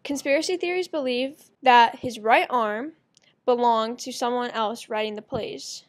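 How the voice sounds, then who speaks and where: A woman's voice: a little high, measured pace. A woman narrating a school project presentation, reading evenly from a script. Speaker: student presenter.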